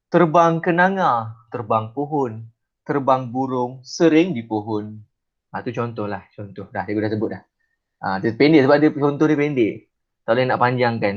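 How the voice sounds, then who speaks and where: Malay teacher saying "okey" a lot, lo-fi. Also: male voice, mid-range voice. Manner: chatty, repeats "okey" and "ha", recites verse lines slowly. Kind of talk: classroom lesson.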